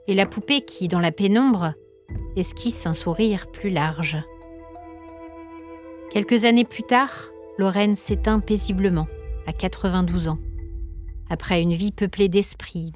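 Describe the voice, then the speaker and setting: With a mid-range, slightly mellow voice, a woman hosting a podcast tells a scripted supernatural tale. Her storytelling is measured and literary, building suspense as she goes.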